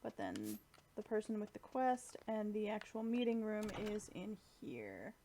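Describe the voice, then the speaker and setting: A woman's voice: mid-range voice, sing-song, measured pace, warm tone, slight background noise. A woman streaming a game playthrough, reading and translating dialogue in a casual, thinking-aloud way with fillers. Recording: faint game music behind.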